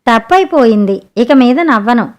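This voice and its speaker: A woman voicing a clever, sharp-tongued young sea maiden in a spoken storybook, talking frankly and chidingly. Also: on the high side, lively intonation, normal speed, close to an everyday voice.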